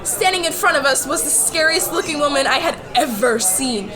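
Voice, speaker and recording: With music and a crowd audible behind her, a woman narrates in first person as a nervous, bewildered schoolgirl, performing dialogue in an amateur radio play. Her high voice is expressive and moves at a normal speed.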